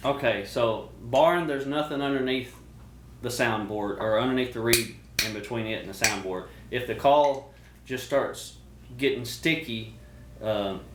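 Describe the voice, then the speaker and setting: A man's voice: medium pitch, measured pace. A man giving casual, hands-on instruction as a co-host. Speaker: co-host demonstrating call tuning. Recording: echoey room with faint noise.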